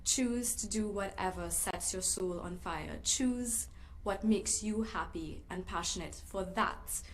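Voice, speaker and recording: A woman's voice: medium pitch, slow pace, slight background noise, poor audio. A twenty-five-year-old woman from Trinidad and Tobago, giving a passionate, rehearsed pageant self-introduction. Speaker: pageant contestant.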